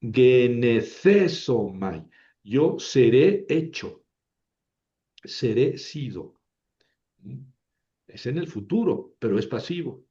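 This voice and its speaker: A man teaching an Ancient Greek grammar lesson, slowly and patiently repeating each form and checking in with his listeners. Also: mid-range voice, sing-song, dark tone, lo-fi sound.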